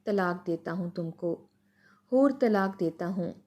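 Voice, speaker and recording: A man's voice: high-pitched, a little mellow, natural voice. A woman voicing a heartbroken young husband who pleads with his wife in a storybook tale. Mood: grieving. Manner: emotional, pleading.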